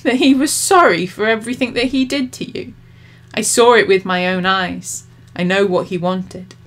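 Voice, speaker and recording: A woman's voice: medium pitch, moderate pace, fairly bright tone, natural voice. Woman voicing a thin, spiteful demon man. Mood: mocking. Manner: taunting, sing-song mockery. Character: spiteful male demon, mocking and cruel.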